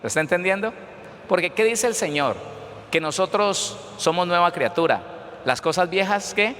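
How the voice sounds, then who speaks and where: A man preaches a sermon with passion, often calling out to his listeners and building to shouts. His voice sits a little high and rings with a long reverb. A faint ambience sits underneath. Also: animated, normal speed, slight background noise. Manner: fervent preaching, rising to shouts, addresses congregation as brother. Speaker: pastor.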